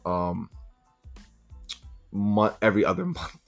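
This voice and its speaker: A young man from Philadelphia with a fairly low voice tells animated stories as a podcast host, cursing freely. Quiet music plays faintly underneath. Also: a little slow, vocal fry. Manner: animated storyteller, swears freely. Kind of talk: casual chat.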